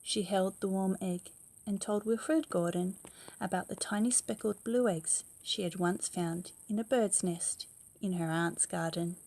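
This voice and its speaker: Reading a children's picture book at bedtime, this woman speaks a little slowly in a gravelly, darkish voice of medium pitch. She stresses key words with expression and talks to a young listener, sometimes posing a question.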